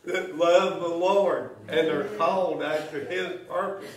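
Folksy church elder, slow and chuckling; higher voice, far from the mic in a roomy church. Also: male voice, steady tone. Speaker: closing speaker at a church service. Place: church sanctuary. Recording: echoey church from a distance.

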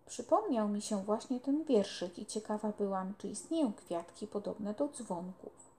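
A woman's voice: mid-range voice, lively intonation, normal speed, mellow, lightly acted. A woman reading aloud, voicing a lonely, prickly young girl with an earnest, wistful manner. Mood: sulky.

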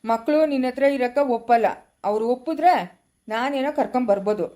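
A woman's voice: a little high, brisk, mellow, close to an everyday voice. A woman playing a firm, protective village grandmother in a family skit, with a rural Chikkaballapura Kannada accent and a questioning manner.

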